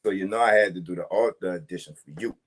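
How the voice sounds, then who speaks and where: A man's voice: low voice, fast talker, husky. A man with a New Orleans accent hosting a podcast, joking and laughing often in casual chat. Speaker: podcast host.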